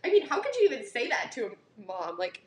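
A young woman hosts a podcast, reading listener stories and then chatting about them. Her slightly high voice swings widely in pitch, and she peppers her talk with "like" and frequent laughter. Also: fast talker, crowd noise. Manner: animated, laughs often, says "like" a lot. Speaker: podcast host.

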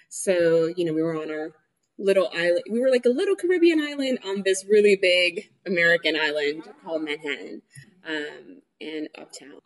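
A young New York City woman chats easily in a casual interview, laughing a lot and using plenty of fillers. Her voice is lowish, and the recording is rough.

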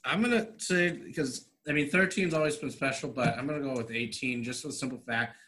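A man guesting on a sports podcast, quick with joking retorts. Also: medium pitch, fairly bright tone, rough recording. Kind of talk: casual podcast chat.

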